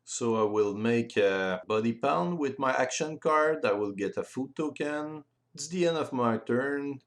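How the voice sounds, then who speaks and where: Thinking out loud, a French-accented man gives an explanatory walkthrough of a board game's play, his pace slow and slightly hesitant. As the rules presenter, he uses a mid-range voice that swings up and down with lively animation.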